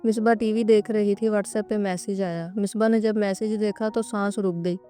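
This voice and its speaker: A woman narrating a moral story in a steady, even way. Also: medium pitch, faint music behind.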